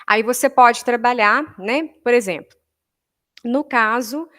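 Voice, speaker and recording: A woman with a Brazilian Portuguese accent teaches a music workshop in a patient, explanatory way. She keeps checking that her listeners follow along. Now and then she counts beats aloud in an even rhythm. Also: fairly high pitch, slow pace. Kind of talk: online workshop lesson.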